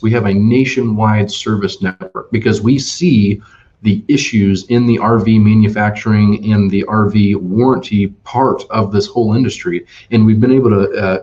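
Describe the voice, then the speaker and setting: Low-voiced emphatic RV salesman. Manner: animated and emphatic, with many restarts. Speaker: RV salesman guest on a webinar. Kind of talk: storytelling sales talk. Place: Ohio dealership office. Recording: dull lo-fi webinar audio.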